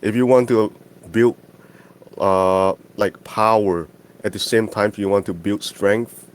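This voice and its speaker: A man's voice: fairly low pitch, fairly even intonation, takes it slowly. A man calling into a podcast, asking questions hesitantly with lots of fillers over a voice call. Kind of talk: casual chat on a voice call. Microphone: voice call mic.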